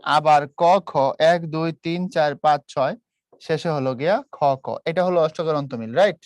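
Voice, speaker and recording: Man teaching a lively class. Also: fairly high pitch, normal speed, dry recording. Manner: explains patiently with questions to students, mixes English words; counts out loud, repeats key points. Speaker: online tutor. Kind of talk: live online class.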